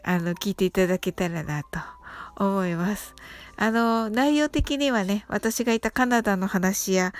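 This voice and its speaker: A woman hosting a podcast English lesson, talking politely and chattily with soft fillers. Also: medium pitch. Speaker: host of an English-learning podcast.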